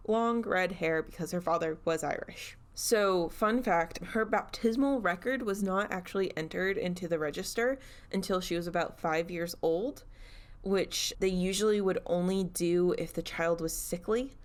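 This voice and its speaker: Young woman on a podcast, kinda low voice, chatty and giggly, just telling the story casually. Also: normal speed.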